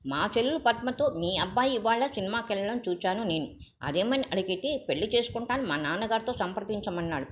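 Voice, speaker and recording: A woman's voice: lowish voice, animated, moderate pace, slight background noise, natural voice. Woman voicing young male doctor, indignant brother, stern, reproachful, lo-fi sound.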